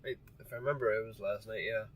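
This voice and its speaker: Lowish and steady in tone, this young male vlogger talks fast from inside a moving car. He's sleepy and yawning, his casual driving vlog full of rambling, fillers, and apologies, with clear road noise from a distant mic.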